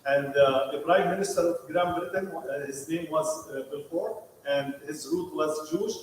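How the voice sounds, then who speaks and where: An audience member from Palestine speaks up in a Q&A, his earnest and a little broken. His voice sits fairly high. He sounds far from the mic in a big, echoing hall with a long reverb tail. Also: moderate pace, slight background noise. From West Bank, Palestine. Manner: non-native grammar, earnest and insistent. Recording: echoey hall, distant from mic.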